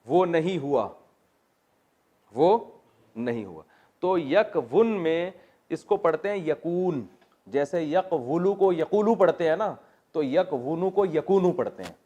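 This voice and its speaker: A middle-aged man, teaching Quranic Arabic grammar. He spells out word forms slowly, repeats them, and drops in joking asides. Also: fairly high pitch, animated, dark tone, dull audio. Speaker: religious teacher.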